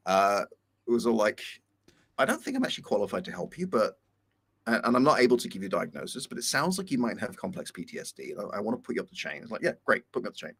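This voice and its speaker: A man's voice: lowish voice, big pitch swings, quick pace, fairly bright tone, husky. A man on a video call, talking candidly and a little rambling in a casual chat. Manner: candid, rambling, self-deprecating. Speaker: co-host.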